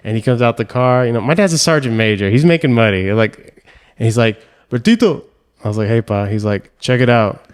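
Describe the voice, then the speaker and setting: Smooth-voiced man telling lively stories. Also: on the low side, quick pace. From Hawaii. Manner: animated storyteller, acts out voices and sounds. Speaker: podcast host. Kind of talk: casual storytelling chat.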